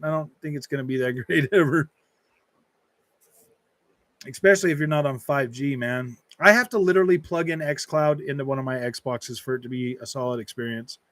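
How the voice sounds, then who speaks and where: A gaming streamer in his early forties chats casually on a livestream, reading out and answering viewer comments. He rambles and repeats himself, slangy throughout, calling listeners dude, man and bro. His mid-range voice has a fairly bright tone at moderate pace, recorded with no echo.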